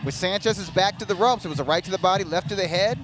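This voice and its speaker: A man's voice: high-pitched, quick pace, over music. A man giving live boxing analysis as a commentator.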